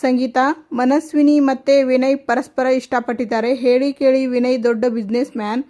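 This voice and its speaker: A woman narrator retelling a television serial episode in a plain, steady scripted read, cueing each speaker in turn. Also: high-pitched, brisk. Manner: plain and steady, with cue phrases before each line.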